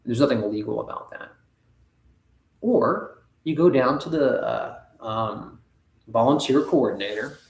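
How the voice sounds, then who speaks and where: A man hosting a live spiritual talk, speaking in an earnest, halting, rambling way. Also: medium pitch, lively intonation, reverberant. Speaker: spiritual livestream host.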